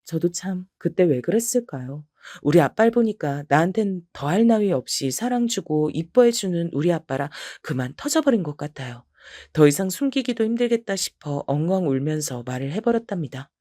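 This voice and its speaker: Woman reading a sad family story, low voice, dry close mic, confiding. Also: animated, normal speed, warm tone, dry recording. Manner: confiding, first-person storytelling. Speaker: story narrator. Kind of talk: scripted narration of a listener's story.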